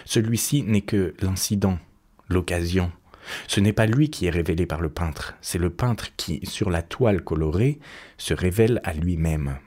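A man's voice: low voice, normal speed, a little mellow. A man reading aloud and voicing an earnest, troubled young painter who speaks sincerely.

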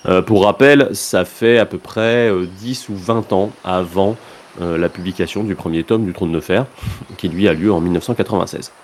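A man's voice: low-pitched, normal speed, a little hiss or hum. A man hosting a podcast in casual chat, hesitant, with many filler sounds and restarts. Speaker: podcast host.

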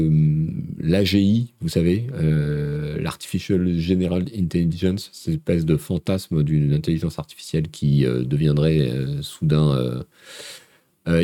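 Man, blocked nose, sick, very low voice, very dark tone, casual live show host. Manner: casual, many hesitations. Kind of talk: live tech news show.

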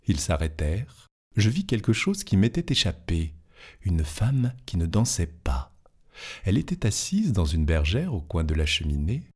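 With a deep, husky voice, a male narrator reads a classic fantastic tale aloud, measured and expressive, lingering over its descriptions.

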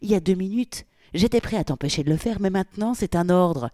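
A brutal male gangster snaps and swears in a loud, harsh voice, put on by a woman reading aloud. He barks orders without letting anyone answer, his lines rising high and swinging widely. It is a dry, close recording. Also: lively intonation, normal speed, dry recording. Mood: furious. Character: angry brutal male gangster, foul-mouthed.

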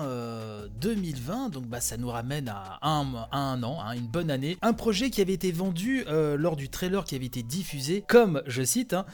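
A man hosting a gaming news podcast, talking casually with many small fillers. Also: a little high. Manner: chatty, many "hein" and "euh" fillers.

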